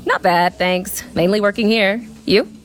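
A woman's voice: mid-range voice, unhurried, faint music behind, close to an everyday voice. A woman playing a friendly, bemused café counter worker taking orders in a casual customer-service way in a radio ad. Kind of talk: acted radio ad dialogue.

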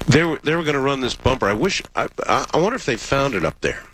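A man's voice: medium pitch, animated, fast talker, a bit bright, husky, rough recording. An American man hosting a casual radio call-in show, wry and dry-humoured, sick with a cold.

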